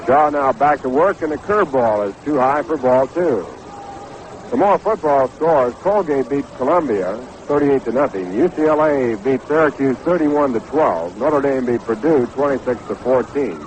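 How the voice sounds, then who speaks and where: Here a different 1960s radio announcer, an American man, calls a baseball game from the stadium booth with lively intonation. His pitch is medium, his pace is normal, and his tone leans dark. Noise from the old AM broadcast runs throughout.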